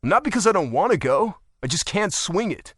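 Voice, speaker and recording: A teasing, earnest athlete husband, voiced by a man in an audiobook romance. His delivery rises and falls with lively, animated pitch. The sound is close and dry. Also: normal speed, no echo, heavily acted.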